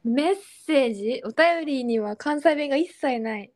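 A woman's voice: high-pitched, expressive, moderate pace, a little mellow. A woman co-hosting a podcast in casual chat, laughing often and agreeing readily. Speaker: podcast co-host.

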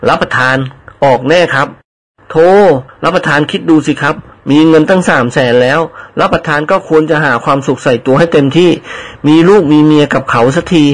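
A man's voice: a little high, brisk, lightly acted. A man reading the part of a fawning, money-dreaming male servant, slipping a servile polite tic into every sentence. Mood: pleading. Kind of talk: audiobook character reading.

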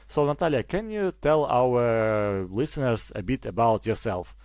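A man hosting a podcast, introducing and questioning a guest in a hesitant way with frequent pauses and restarts. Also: mid-range voice, lively intonation, darkish tone, slight background noise. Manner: hesitant, many fillers and restarts. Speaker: podcast host. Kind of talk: interviewing a guest.

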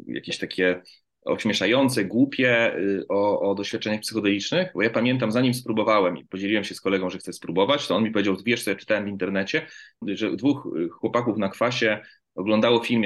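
A man with a fairly low voice hosts a conversational interview. He chats loosely, repeats words and restarts sentences, and slips easily into telling anecdotes. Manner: loose, chatty storytelling with frequent restarts. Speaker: podcast host.

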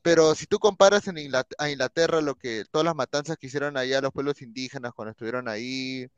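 A man's voice: medium pitch, fast talker, smooth, dry recording, muffled recording. A man with a Peruvian Spanish accent, co-hosting a casual stream, slangy and swearing freely. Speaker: stream co-host. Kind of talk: casual chat.

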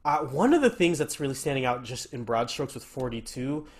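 A man's voice: medium pitch, lively intonation, brisk. Male podcast guest, mid-range voice, conversational, keen and talkative fan energy. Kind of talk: casual podcast chat.

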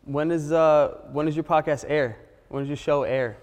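A man's voice: on the high side, steady tone, normal speed, a little mellow, big-room sound. A man co-hosting an interview, asking short, easygoing questions. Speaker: podcast co-host. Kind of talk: casual interview chat.

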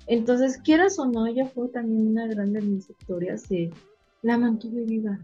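Warm-voiced Mexican woman telling stories. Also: on the high side, moderate pace, breathy edge, highs cut off, soft background music. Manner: animated, emotional storyteller. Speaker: veterinarian, guest. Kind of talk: casual interview storytelling.

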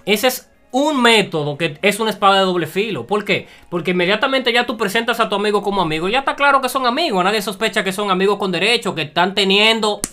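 A man's voice: sits high, fast, few pauses, pushed and bright, soft background music. A man, co-hosting a podcast, arguing his point emphatically and repeating himself. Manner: emphatic, repeats himself, drops English phrases. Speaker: podcast co-host. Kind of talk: casual chat.

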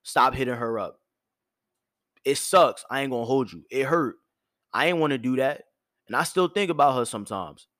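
A man hosting his own show, giving blunt, profane dating advice in a firm yet soft tone, with features. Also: medium pitch, lively intonation, moderate pace, pauses often, dry recording, clean studio sound. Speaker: host. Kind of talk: direct advice monologue.

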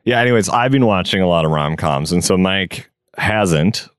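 A man's voice: sits low, expressive, normal speed, clean tone, no room sound, studio quality. A man co-hosting a podcast, chatting casually outdoors in a backyard. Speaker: podcast co-host. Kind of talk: casual chat.

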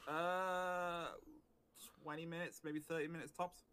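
Easygoing North Welsh podcast guest. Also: male voice, a little high. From North Wales. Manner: relaxed, easygoing, quick to laugh. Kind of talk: casual interview chat.

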